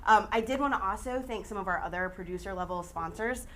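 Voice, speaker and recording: A woman of middle pitch hosts a live sports broadcast. She sounds chatty and friendly, with a faint hiss behind her voice. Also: fast talker, fairly bright tone. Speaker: studio host.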